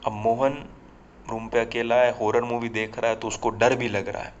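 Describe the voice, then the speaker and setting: A man's voice: mid-range voice, flat delivery, moderate pace, slight background noise. A man casually telling a horror story, talking directly to listeners, on a slightly muffled recording. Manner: conversational, addresses listeners directly.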